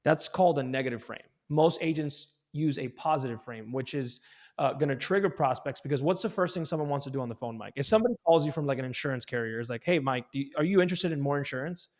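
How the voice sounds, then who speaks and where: A man's voice: medium pitch, animated, quick pace, a little mellow. A male real estate agent guest giving sales tips in emphatic talk, often repeating words as he starts a phrase. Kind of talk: fast sales-coaching talk.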